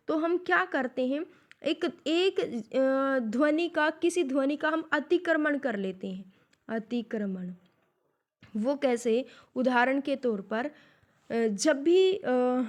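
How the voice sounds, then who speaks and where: A woman teacher lecturing her students, asking rhetorical questions and explaining each point slowly and deliberately. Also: high-pitched. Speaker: Hindi literature lecturer. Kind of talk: classroom lecture.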